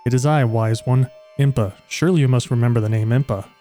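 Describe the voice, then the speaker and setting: A man's voice: mid-range voice, fast, warm tone, soft background music, natural voice. A man reading the lines of a solemn, formal old woman sage from a video game in his own voice. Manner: reads game dialogue aloud in his own voice.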